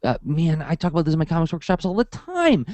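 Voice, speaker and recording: A man's voice: a little high, fast, no room sound. A man who teaches comics workshops, talking casually and at length, telling stories and acting out the people in them. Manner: animated and verbose, acts out quotes. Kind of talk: casual conversation, storytelling.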